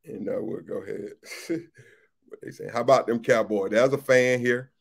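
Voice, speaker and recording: A man's voice: mid-range voice, moderate pace, creaky. A man who is a pastor, hosting a casual livestream chat, reading out viewer comments and greeting people by name, often repeating his phrases.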